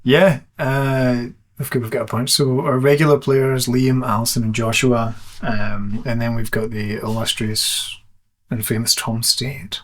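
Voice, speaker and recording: A man's voice: medium pitch, fairly even intonation, measured pace, a bit bright. Man, casual chat, hesitant, restarts sentences, game master. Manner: hesitant, repeats words at starts. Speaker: dungeon master of a live show.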